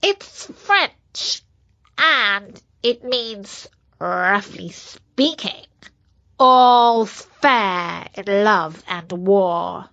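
A woman's voice: medium pitch, fairly bright tone, dry recording, dull audio. Woman doing a smug little virus bully. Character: mean, boastful little male virus, pirate-like.

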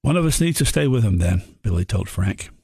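A man's voice: lowish voice, very animated, fairly quick, warm tone, husky, dry recording, clean studio sound. A man reading a frontier horror story aloud, voicing the prospectors' dialogue in a folksy drawl. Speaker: narrator.

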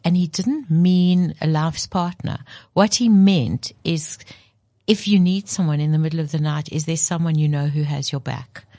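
A woman's voice: deep voice, normal speed, mellow, dry recording. A middle-aged woman from South Africa, a psychologist, talking reflectively in an in-depth interview and repeating phrases for emphasis.

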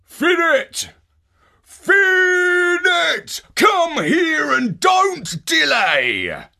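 A menacing giant , as a man reading a storybook puts him on, drags out his orders slowly. His speech swings widely in pitch as he commands and threatens. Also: huge pitch swings, creaky, pushed and bright, slightly rough, heavily acted. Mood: bellowing. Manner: slow, drawn-out, bossy. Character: menacing cruel giant master, gruff and commanding. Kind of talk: storybook read-aloud.

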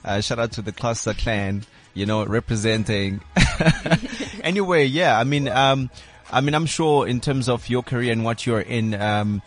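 A man's voice: mid-range voice, fairly even intonation, moderate pace. A man hosting a radio show from a studio, chatty, with many fillers and restarts. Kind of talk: radio interview and promo read.

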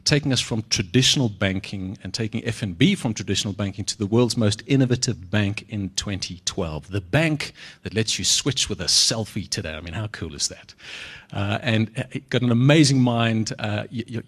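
A man's voice: on the low side, a little fast, a bit bright, breathy edge. Man telling an anecdote to introduce a speaker. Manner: storytelling, casual, uses fillers. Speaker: event host.

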